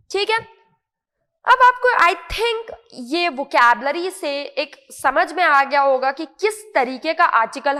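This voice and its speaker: An Indian woman teaching English vocabulary in an online lesson, explaining patiently, repeating each word and checking often that it is clear. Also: high voice, pushed and bright, long reverb tail.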